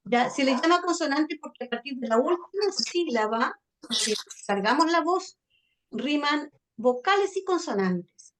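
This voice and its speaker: A woman's voice: high-pitched, lively intonation, a little slow, a bit bright. Chilean woman teaching a poetry class. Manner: checks in often with "¿ya?" and "¿cierto?". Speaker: literature teacher leading a sonnet workshop. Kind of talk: online class explanation.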